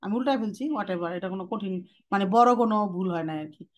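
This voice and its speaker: A woman teaching Quranic letter pronunciation in a class, casual and direct, drawing out sounds slowly to demonstrate them. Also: medium pitch, darkish tone. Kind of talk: online class instruction.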